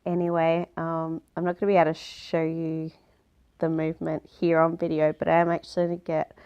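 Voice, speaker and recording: Woman, nasal cold voice, slightly low pitch, gravelly fry, chatty video diary, frequent fillers. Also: monotone, brisk, a little mellow, highs cut off. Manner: chatty, many ums and restarts. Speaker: vlogger.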